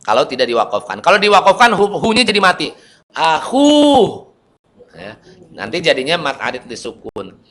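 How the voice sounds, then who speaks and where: A man's voice: on the high side, sing-song, fast, sharp tone. A young man teaching Quran reading rules in a casual lesson, chatting loosely, reciting short examples and often correcting himself.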